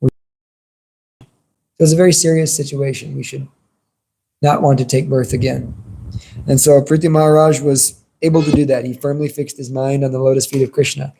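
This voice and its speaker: Gravelly, mellow man giving a devotional class. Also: medium pitch, fairly even intonation, normal speed, long pauses, a little hiss or hum, low-quality recording. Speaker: religious teacher giving a class. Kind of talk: informal devotional sermon.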